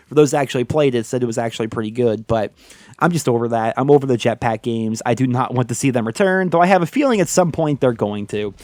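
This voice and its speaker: A gaming YouTuber with a head cold and a stuffed-up nose hosts a casual chat, giving viewers blunt, opinionated answers. His voice is medium-pitched with a slightly dark tone and no echo. He sounds candid and says "like" and "man" a lot.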